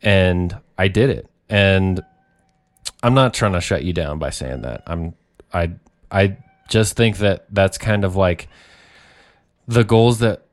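A young man co-hosting a podcast in casual chat, relaxed and hedging as he talks. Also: low voice, slow pace, pauses often. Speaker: podcast co-host.

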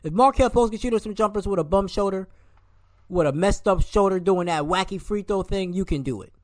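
A man's voice: high voice, a little fast, no echo. A man co-hosting a casual sports podcast, ranting animatedly and calling players and coaches out. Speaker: podcast co-host.

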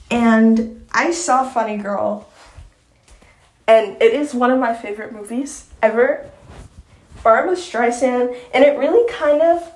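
Young woman from long island, higher voice, chatty vlog, echoey room. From Long Island, New York. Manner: chatty, rambling, lots of fillers. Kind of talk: casual vlog chat.

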